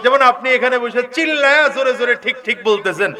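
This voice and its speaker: A man preaching to a large gathering. He calls on the crowd to answer loudly and swings between shouting and low asides. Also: fast. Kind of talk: sermon.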